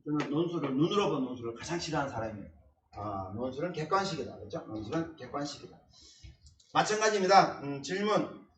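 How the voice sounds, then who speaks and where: A man's voice: fairly high pitch, lively intonation, fast, a bit bright. A male essay-writing instructor teaching at a blackboard in a classroom, emphatic and given to repeating key words. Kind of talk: blackboard lecture. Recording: echoey classroom, distant mic, faint noise.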